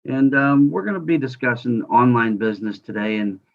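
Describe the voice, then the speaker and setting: A man's voice: medium pitch, animated, normal speed, creaky. A man hosting an online interview show, talking informally with many fillers. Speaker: podcast host. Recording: slightly dull lo-fi audio.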